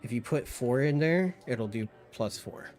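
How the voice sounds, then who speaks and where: A man runs a tabletop game, describing characters and walking players through rolls. He rambles with plenty of fillers at an ordinary middle pitch. Faint music plays behind him. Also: animated, unhurried, a little mellow. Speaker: game master. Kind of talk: narrating a tabletop game over voice chat.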